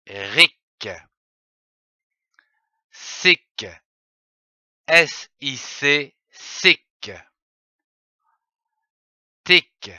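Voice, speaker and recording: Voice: mid-range voice, pushed and bright, smooth, no room sound, clean studio sound. A voice reciting syllables for a children's dictation lesson, spelling each one out letter by letter. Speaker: teacher.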